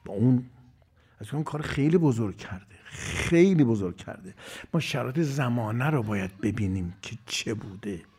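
A man preaching a sermon, moving from loud, emphatic phrases to near-whispers. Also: mid-range voice, lively intonation, slightly rough. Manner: dramatic swings from loud to whispered.

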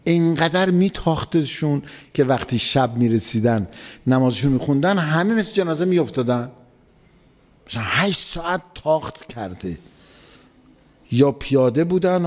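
A man's voice: a little high, a little mellow. Preacher man in a reverberant hall. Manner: conversational, repeats phrases for emphasis. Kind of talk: sermon storytelling.

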